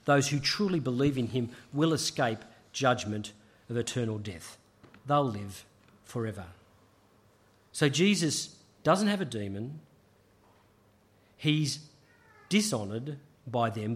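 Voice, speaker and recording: A man preaching a sermon, measured and emphatic, with frequent restarts. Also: medium pitch, husky.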